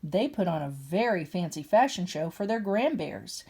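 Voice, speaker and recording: An older woman reads a storybook aloud with an animated, rising-and-falling delivery and a mellow, warm tone. She drops in chatty little asides between the pages. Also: fairly low pitch, moderate pace, vocal fry, breathy edge. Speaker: grandmother reading aloud.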